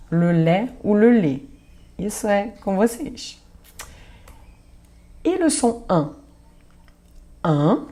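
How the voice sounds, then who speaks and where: A woman's voice: medium pitch, warm tone. A woman from Marseille with a French accent, patiently teaching French pronunciation and repeating example words one by one. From Marseille, France. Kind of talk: online language lesson.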